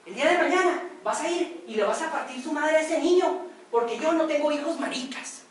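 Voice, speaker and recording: A furious father tells his crying son off in a harsh, scolding voice, as a woman puts him on. He rings out loud and high. The room is very echoey and the mic sits far away. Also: fairly quick, natural voice. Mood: angry scolding.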